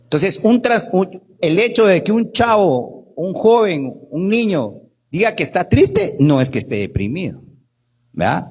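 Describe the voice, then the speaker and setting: A man, a doctor, giving an animated workshop talk in Guatemalan Spanish, often asking "¿verdad?" and acting out the people he quotes. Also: high-pitched, unhurried, husky.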